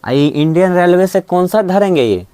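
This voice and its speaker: A man's voice: sits high, expressive, normal speed, warm tone, clear, resonant tone, no room sound. Coaxing male reasoning teacher, dry sound. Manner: coaxing, repeats "है ना" and "ठीक है". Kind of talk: classroom lecture. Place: classroom with students present, also streamed online.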